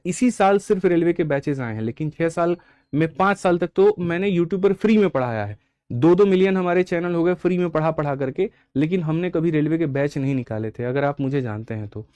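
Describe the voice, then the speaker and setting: A young man teaching exam preparation pitches his course batches to students, calling them brother and checking in often. His voice sits a bit high but sounds mellow, close to the mic in a dry room. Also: dry recording. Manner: addresses students as brother, frequent "theek hai". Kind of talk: online class sales pitch and lesson.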